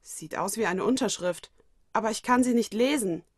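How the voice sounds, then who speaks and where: A woman's voice: mid-range voice, moderate pace, breathy edge, no echo, studio quality, lightly acted. A woman voicing a grumpy, easily angered teenage schoolboy in a storybook reading. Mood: puzzled. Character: hot-tempered teenage schoolboy servant. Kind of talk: audiobook reading of fan fiction.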